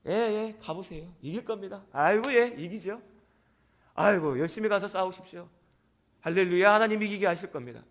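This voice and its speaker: A man's voice: high-pitched, brisk. A man preaching who voices a prophet mockingly agreeing with a king. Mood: sarcastic. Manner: mocking, sarcastic.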